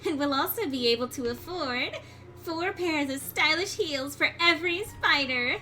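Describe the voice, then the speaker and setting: A woman's voice: sits high, normal speed, pushed and bright, soft background music, voice pushed up. A woman voicing a genteel, theatrical female spider monster with dainty, sugary manners. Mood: proud, sugary.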